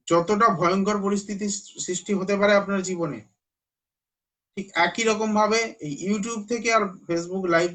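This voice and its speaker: Earnest Bengali astrologer, higher-pitched man. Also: fairly bright tone. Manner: earnest, lecturing, urging viewers. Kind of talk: live stream talk to viewers.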